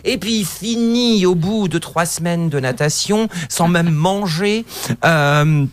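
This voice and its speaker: Man, comedy podcast guest, casual joke telling, slightly high voice, laughs easily. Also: no echo. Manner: chatty, laughs easily, halting restarts. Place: podcast studio.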